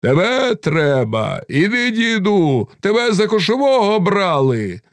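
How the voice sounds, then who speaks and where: A man's voice: mid-range voice, expressive, moderate pace, no echo, studio quality, voice pushed up, natural voice. A man voicing male cossack messengers who push an old man to accept leadership. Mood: pushy. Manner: pushy, scolding.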